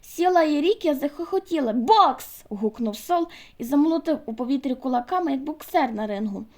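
High-voiced woman reading a children's book. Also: fairly quick, mellow. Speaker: audiobook reader.

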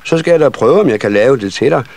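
A man's voice: medium pitch, animated, creaky, a little mellow, dry recording, voice pushed up. A man reading a children's story and voicing a modest, kindly carpenter who speaks mildly and hesitantly.

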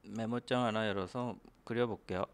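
At a normal speed and in a steady tone, a man with a fairly low voice teaches programming step by step. It's a screen-recorded coding lecture, and he asks the listener rhetorical questions while explaining.

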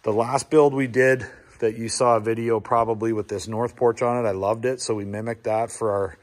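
Speaking at a moderate pace in a mid-range voice with fairly even intonation, a middle-aged Ontario builder and small business owner gives a relaxed walking tour vlog of a small wooden structure still being built. He's chatty and easygoing, restarting his sentences with fillers as he goes.

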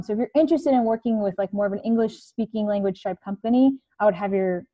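A young woman, a career coach, gives a casual online presentation to students over a video call from her living room, chatty and full of fillers. Her voice sits in the mid range, and the earbud headset mic makes the sound lo-fi.

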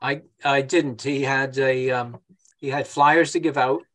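A man taking part in a meeting, talking in a halting, hesitant way. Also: medium pitch, steady tone, fairly bright tone. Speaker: meeting participant. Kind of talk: casual video-call chat.

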